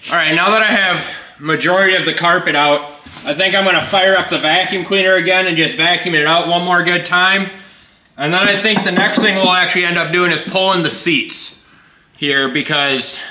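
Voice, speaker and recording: A man's voice: sits high, bright, forceful tone. A man casually narrating his work on an old truck in his garage, laid-back and plainspoken with casual swearing. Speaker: garage vlogger. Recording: echoey garage with faint noise.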